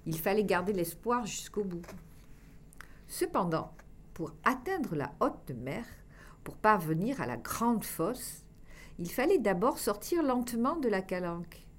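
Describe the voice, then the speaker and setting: A woman reading a children's tale aloud, expressive and dropping to a hush for dramatic passages. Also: mid-range voice, a little slow. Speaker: storyteller.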